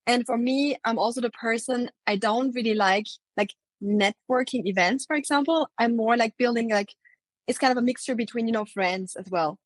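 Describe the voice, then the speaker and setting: A woman's voice: a little high, normal speed, no room sound, low-quality recording. A young woman from Austria, a marketing agency founder, speaking English as a guest in a casual interview, with plenty of ums and likes. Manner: relaxed, many fillers like um and like.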